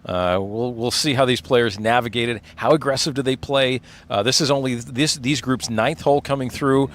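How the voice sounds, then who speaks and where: A man's voice: medium pitch, normal speed, a bit bright. A man giving live golf commentary and analysis of the play.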